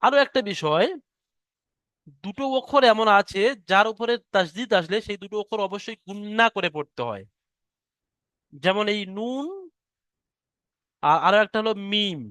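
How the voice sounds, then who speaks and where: A man with a fairly high voice gives a calm, methodical reading lesson. He breaks words into syllables and stretches them out for his students. The sound is dry, with no room echo. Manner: patient, spells out syllables slowly and drawn out. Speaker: Quran reading teacher. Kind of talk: recorded online lesson.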